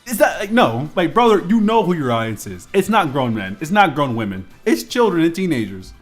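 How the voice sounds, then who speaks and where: Soft music plays behind a man in his twenties who draws on a live stream and rambles casually, full of fillers and restarts. He speaks fairly quickly, in a fairly high, sing-song voice.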